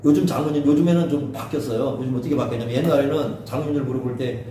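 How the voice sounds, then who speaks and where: A man's voice: medium pitch, racing, mellow. A man teaching a Bible study as a pastor, asking his listeners questions and acting out quotes in a raised voice. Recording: very echoey room, speaker far from mic, faint hiss.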